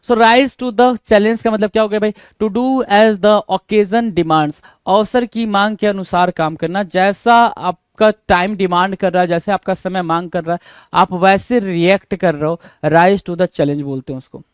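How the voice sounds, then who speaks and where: An Indian man teaches English idioms for exam prep, stretching each phrase out slowly and pausing to quiz his viewers. His voice sits high and rings smooth and clear. The sound is dry and close, with no room echo. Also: fairly even intonation. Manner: repeats phrases slowly, then quizzes the viewer. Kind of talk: exam-prep vocabulary lesson.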